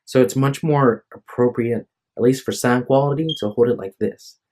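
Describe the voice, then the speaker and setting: A tired young man speaks into his phone mic at home for a casual, rambling vlog, hesitating, apologizing and restarting his sentences frequently. The recording is rough, and his medium-pitched voice is steady and a little mellow at a normal speed.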